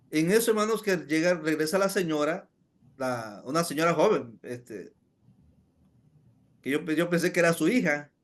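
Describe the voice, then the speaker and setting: Man, high-pitched voice, evangelist's testimony, addresses listeners as brothers, frequent fillers. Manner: keeps calling listeners "hermanos", many "este" fillers. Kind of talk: storytelling testimony to a congregation.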